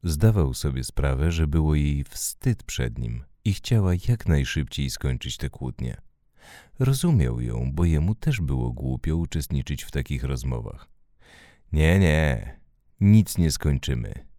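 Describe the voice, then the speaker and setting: A man narrating an audiobook story in a measured, expressive way. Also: extremely low pitch, dry recording, clean studio sound.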